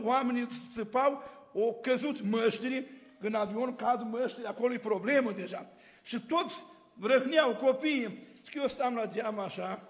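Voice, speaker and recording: A man preaching in a church, his voice sitting unusually high. He tells stories with rising and falling emphasis, and the sound rings out in the long reverb of a church hall. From Romania. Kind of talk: sermon.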